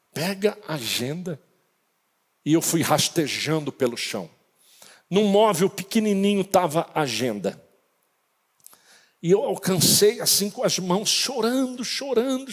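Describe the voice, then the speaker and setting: A man preaching a sermon as pastor, telling a story dramatically and rising to shouts at the peaks. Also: a little high, breathy edge, long reverb tail. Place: church.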